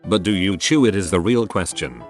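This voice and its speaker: A man reading online posts aloud as a scripted narration in an even, measured way. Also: deep voice, faint music behind.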